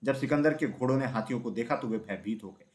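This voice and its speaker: Male storybook narrator, steady and even, mid-range voice. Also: mid-range voice, fast talker. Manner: steady, even reading with small slips.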